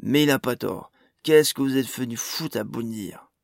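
Man voicing a gruff dwarf gang boss, hard, curt, gravelly, dry close sound, storybook. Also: mid-range voice, moderate pace, no echo, lightly acted. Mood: hard hostile. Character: young male dwarf gang leader, harsh and hostile. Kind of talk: audiobook character voice.

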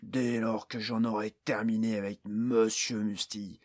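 A towering, bad-tempered orc boss barks and snarls his threats in a husky, raised voice, put on by a male audiobook reader. He sounds domineering and sure of his own power. The voice keeps a menacing, storybook-villain tone. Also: lowish voice, fairly even intonation, measured pace, a bit bright. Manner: snarling, menacing, bellowing orders.

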